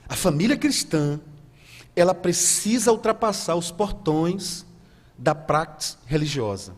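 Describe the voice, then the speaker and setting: High-voiced Brazilian pastor preaching. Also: male voice, sing-song, unhurried, in a large hall. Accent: Brazilian Portuguese. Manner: preaching with big swings from soft and low to loud and high. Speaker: guest pastor. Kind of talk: sermon. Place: church hall.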